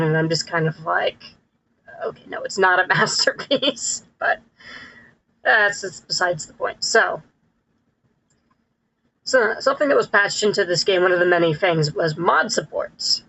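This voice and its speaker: Streamer with a pitched-up chipmunk voice. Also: fairly bright tone, highs cut off. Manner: rambling, self-correcting, laughs often. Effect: pitched-up chipmunk-like voice filter. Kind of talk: casual live-stream gameplay commentary.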